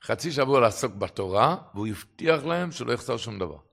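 Gravelly impassioned male preacher. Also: medium pitch, expressive, a bit bright. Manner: impassioned, voice swells and drops for emphasis. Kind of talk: religious sermon with storytelling.

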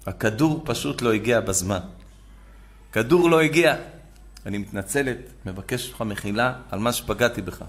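A man voicing an older woman who quietly apologizes to her son-in-law in a soft, subdued way. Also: mid-range voice, lively intonation, pitched below the performer's own voice, natural voice. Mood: apologetic.

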